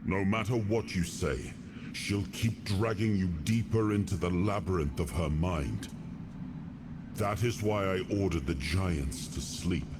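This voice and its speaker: An actor playing a weary, proud king of legend who speaks in a grave, regal, deliberate manner in a game cutscene. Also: low voice, background noise. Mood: commanding. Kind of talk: dramatic game cutscene monologue.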